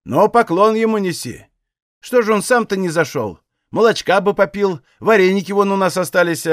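A man's voice: high voice, expressive, normal speed, no room sound, studio quality, voice pushed up. A man voicing a nosy, grumbling old widowed Cossack aunt who chides in folksy village speech. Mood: kindly. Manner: chiding, fussy village speech.

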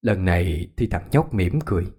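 A man's voice: deep voice, animated, normal speed, mellow, slightly rough. Somber male storyteller. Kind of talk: ghost story narration.

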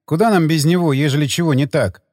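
A man's voice: a little high, fast, darkish tone, dry recording, studio quality, big-room sound, lightly acted. A man voicing a shy, earnest young male sniper who stumbles over his words. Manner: hesitant, stumbling.

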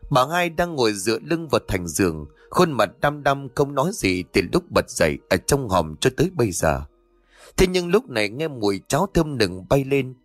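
Expressive male horror storyteller. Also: mid-range voice, no room sound. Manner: expressive, dramatic. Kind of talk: scripted horror story narration.

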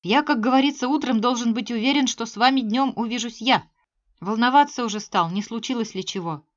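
A woman voicing an excitable, doting male surgery professor who frets over his favourite assistant, on a slightly dull recording. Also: on the high side, fairly quick, pitched above the performer's own voice, lightly acted. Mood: fretful, doting. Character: fussy devoted male surgery professor, fretful.

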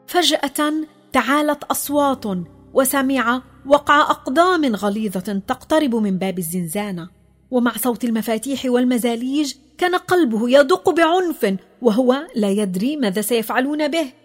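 A woman narrating a children's story, expressive and dropping low in the sad parts. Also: moderate pace, soft background music.

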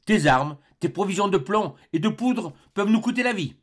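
A man's voice: high-pitched, expressive, moderate pace, pitched above the performer's own voice. A man doing an urgent commanding doctor. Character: resolute British doctor commanding a failing balloon.

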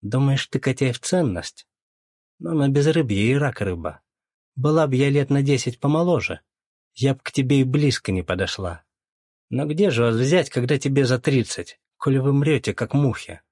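A man reading a story, voicing an indignant divorced woman who scolds her ex-husband in a raised, shrill voice. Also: animated, moderate pace, a little mellow, dry recording, studio quality. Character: sharp-tongued divorced woman, indignant and bossy.

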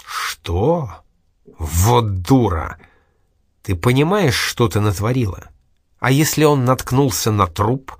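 A man reading aloud and voicing a gruff, short-tempered male gangster in an irritable manner. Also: lowish voice, lively intonation, moderate pace, dry recording, studio quality.

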